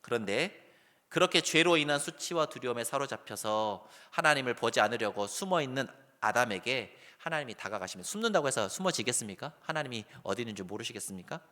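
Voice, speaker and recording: A middle-aged male pastor preaching a sermon, lively and animated, sometimes loud and sometimes dropping soft. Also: medium pitch. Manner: animated preaching, acts out calls in a raised voice, then drops soft. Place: church sanctuary. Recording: long hall reverb.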